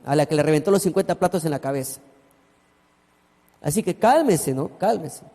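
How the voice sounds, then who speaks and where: High-voiced pastor preaching. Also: male voice, lively intonation, moderate pace, dark tone. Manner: storytelling with asides to the congregation. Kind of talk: sermon. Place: church hall. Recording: long church hall reverb.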